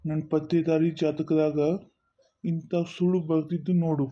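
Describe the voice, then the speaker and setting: A man doing a boastful village detective uncle with a North Karnataka Kannada accent, his voice pitched fairly high. He blusters and talks himself into his own theories. The audio is dull and muffled. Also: level tone, normal speed, warm tone, natural voice. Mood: suspicious.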